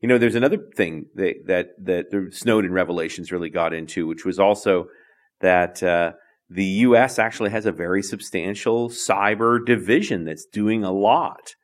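Man, lowish voice, tech podcast co-host, casual, easygoing, laughs easily. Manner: easygoing, quick to laugh and react. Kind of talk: casual chat.

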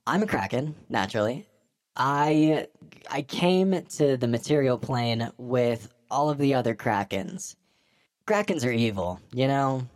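A man plays a polite juvenile kraken in a tabletop game, needy and friendly. The talk is casual and halting, with a mid pitch and very little room sound. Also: animated, no room sound, studio quality, natural voice. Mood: earnest, explaining. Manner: casual, hesitant, chatty.

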